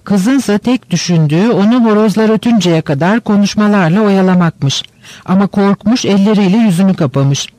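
A man's voice: high voice, normal speed, darkish tone, no echo, close to an everyday voice. A man reading the part of an unmarried old woman who tells a spooky fortune-telling tale in an audiobook. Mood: eerie. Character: unmarried old woman, family companion, fond of spooky tales.

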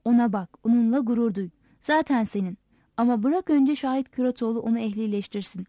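A woman giving voice to a stern shouting father. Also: on the high side, fairly quick, dry recording, clean studio sound, natural voice. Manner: shouting commands. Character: stern worried older father, landowner.

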